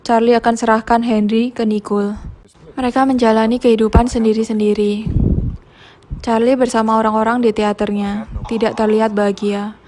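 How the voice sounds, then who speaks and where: A woman retelling a film plot as a recap narrator in a plain, steady way. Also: a little high, normal speed, a little hiss or hum. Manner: plain, steady retelling with a brief casual aside at the end.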